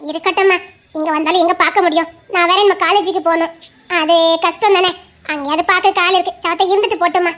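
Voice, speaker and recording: Woman playing a young wife w/ tirunelveli accent, very high thin voice, talks to herself a lot. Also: steady tone, fast. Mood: defiant. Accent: Tirunelveli Tamil. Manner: musing, soft-spoken inner monologue. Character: young separated wife, earnest student.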